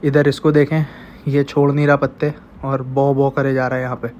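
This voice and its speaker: A man with a blocked-up, congested voice talks through a casual home vlog, calling the animals over in an even, unvarying tone. The sound is slightly dull, with faint ambience behind him, as if picked up on a handheld phone in an animal pen. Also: medium pitch, a little fast, slight background noise. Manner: chatty, coaxing the animals directly. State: congested and stuffy. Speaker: vlogger raising goats and chickens at home. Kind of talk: casual narrated farm vlog.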